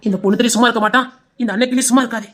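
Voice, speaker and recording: A woman playing a nervous, fast-talking lawyer. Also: on the high side, steady tone, close to an everyday voice. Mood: worried. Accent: Tirunelveli Tamil. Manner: hurried, warning. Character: nervous cautious male lawyer.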